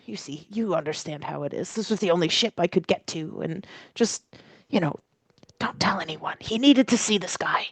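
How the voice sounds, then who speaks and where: A woman voicing a flustered, pleading old man in a tabletop game, speaking haltingly and confidingly. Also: lowish voice, animated, husky, dry recording. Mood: anxious pleading. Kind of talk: tabletop role-play.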